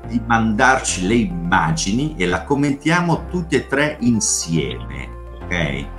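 A middle-aged man from Italy chatting casually and commenting on football highlights in an animated, repetitive way over a video call. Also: slow, faint music behind. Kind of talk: casual chat and informal match commentary. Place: home room, video call. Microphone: computer microphone on a video call.

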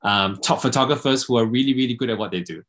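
A man, a software co-founder, talking casually and hesitantly in an interview with many fillers. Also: mid-range voice, fast talker.

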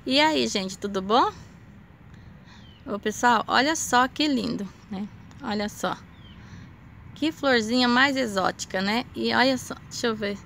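Chatty Brazilian woman with a gravelly voice. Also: on the high side, unhurried, long pauses, a bit bright, slight background noise. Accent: Brazilian Portuguese. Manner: chatty, affectionate, lots of diminutives and "né?". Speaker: orchid grower vlogger. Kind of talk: casual show-and-tell vlog. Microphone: phone camera held close.

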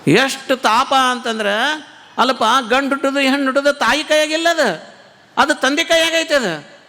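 High-voiced North Karnataka preacher, hall reverb. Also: male voice, pushed and bright. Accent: North Karnataka Kannada. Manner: preaching with repeated rhetorical questions. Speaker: religious teacher giving a discourse. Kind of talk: sermon.

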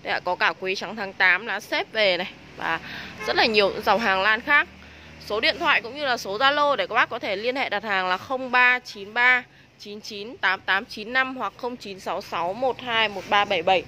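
Northern vietnamese lady doing a pushy casual sales pitch, sharp bright voice, bit of noise around her. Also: normal speed. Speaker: orchid nursery seller. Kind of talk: casual sales pitch, live product walk-through. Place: covered plant nursery and shop. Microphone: handheld phone behind the camera. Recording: noisy handheld recording with ambient sound.

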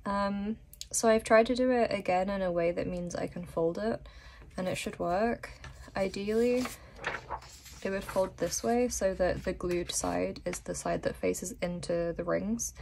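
A woman's voice: medium pitch, a little slow, creaky, darkish tone, a little hiss or hum. A woman vlogger chatting casually to camera while sick and a bit weak, rambling with many ums and little laughs.

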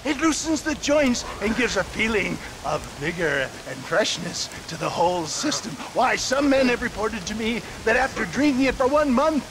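An older travelling huckster in a Western game. His voice sits high and he talks in flowery, theatrical patter, pompous and sly. Steady background noise runs behind him. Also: normal speed, hardly any pauses. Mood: showy sales pitch. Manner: florid, pompous, showman-like patter. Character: grandiloquent, crafty older travelling snake-oil salesman.

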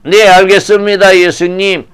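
A man's voice: high voice, flat delivery, moderate pace, a bit bright, voice pushed up. A man voicing a polite, fussy disciple in a children's puppet show. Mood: deferential. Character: deferential male disciple, fussy and busy.

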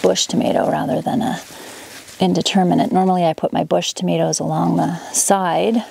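Her voice is fairly low, creaky, a little mellow and slightly rough, with fairly even intonation and a moderate pace. This thirty-something farm vlogger chats about her gardening and beekeeping mid-task in casual how-to narration, captured close on a handheld camera in a plastic greenhouse and an outdoor farmyard.

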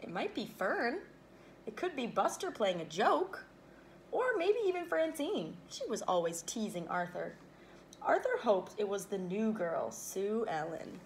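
A woman reading a children's picture book aloud, expressive, breaking off for playful asides to her listeners. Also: mid-range voice, a little slow, slight background noise. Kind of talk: read-aloud storytelling.

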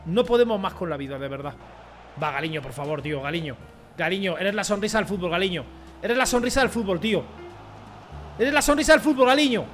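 A young man commentating his own football game. He rants, pleads and shouts at the play, swinging from low mutters to loud yells. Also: lively intonation, quick pace, faint music behind. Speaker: gaming streamer. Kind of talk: excited gameplay commentary.

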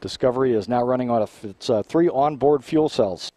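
A man giving formal, measured launch countdown commentary in a technical announcer's manner. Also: mid-range voice, dark tone, no room sound.

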